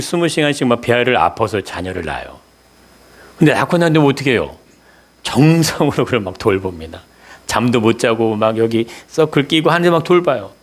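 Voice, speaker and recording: A male pastor delivers a Sunday sermon at a middle pitch for a man. He keeps putting questions to the congregation and answers them himself, often repeating key words for emphasis.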